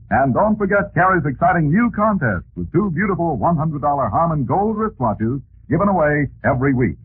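A man speaking as an old-time radio announcer, reading a scripted sponsor pitch with emphatic, careful enunciation. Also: breathy edge. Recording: narrow, tinny old radio recording with hiss.

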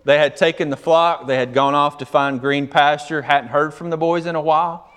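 Pastor, male, sermon delivery; smooth resonant tone, measured pace with drawn-out emphasis. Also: fairly high pitch, fairly even intonation, a bit bright. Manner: measured preaching with slowed emphatic phrases.

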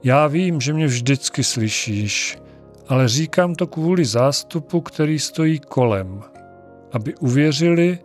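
Brief: man reading a grave, calm male teacher, measured prayer, faint music bed. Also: fairly high pitch, lightly acted. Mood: solemn prayer. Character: calm, solemn male teacher praying aloud.

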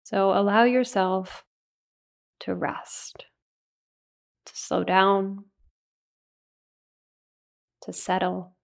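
A woman leading a guided meditation in a soothing, unhurried way, leaving gentle pauses between phrases. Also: medium pitch, steady tone, gravelly.

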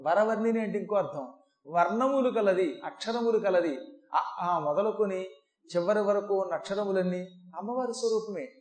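A man giving a devotional scripture discourse, telling it in an animated way and changing his voice to act out the verses. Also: high-pitched, moderate pace. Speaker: Puranic discourse speaker. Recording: echoey hall recording.

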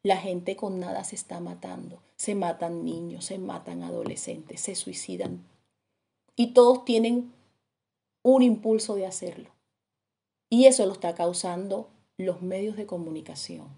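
A woman's voice: fairly low pitch, expressive, unhurried, vocal fry, mellow. Earnest woman preaching a sermon.

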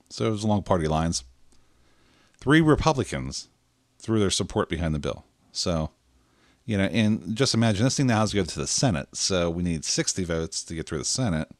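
A man's voice: low-pitched, normal speed, dry recording, studio quality. A man co-hosting a podcast, chatting casually with many fillers. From Pittsburgh area. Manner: relaxed, chatty, lots of fillers. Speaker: podcast co-host. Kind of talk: casual chat.

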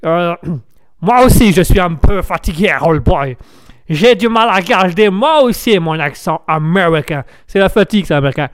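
A man's voice: a little high, a little fast, clear, resonant tone, dry recording, close to an everyday voice. A man voicing a brash, wealthy American man in a hammy fake American accent that keeps slipping into English catchphrases.

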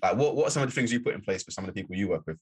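Man, podcast host, very deep voice, husky, quick, relaxed, agreeable. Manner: relaxed, agreeable, lots of back-channel "yeah". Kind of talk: casual interview chat.

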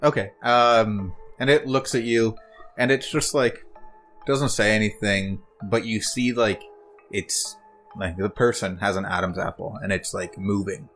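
A man with a very deep voice narrates a tabletop role-playing scene as game master. He pauses often and restarts his sentences. Soft music plays faintly behind him. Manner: halting, full of fillers and restarts.

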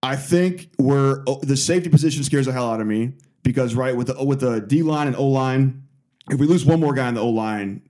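A man's voice: mid-range voice, brisk, a little mellow. A man co-hosting a sports podcast, talking in a loose, rambling way with lots of fillers. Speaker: podcast co-host. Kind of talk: casual sports chat.

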